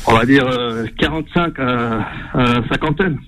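A man's voice: medium pitch, unhurried, fairly bright tone, poor audio. A man in his fifties with a Marseille accent, chatting casually and jokingly as a caller on a radio show. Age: 50s. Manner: jovial, joking. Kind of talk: casual chat.

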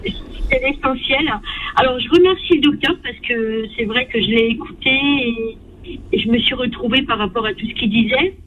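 A woman calling a radio talk show from her car speakerphone, speaking in a halting, hesitant but candid way over a dull phone line. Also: on the high side. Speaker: radio call-in caller.

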